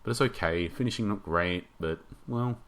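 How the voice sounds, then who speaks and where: Deep-voiced man musing over a game. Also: normal speed, fairly bright tone. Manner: thinking aloud, rambling with hesitations. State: hoarse, losing his voice. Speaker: video game commentator. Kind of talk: casual game commentary.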